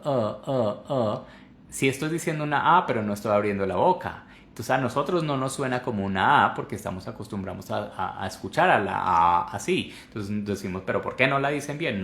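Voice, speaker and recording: In a live online class, a man teaches English pronunciation, explaining words and repeating them over and over to demonstrate the sounds. His voice is lowish and reverberant.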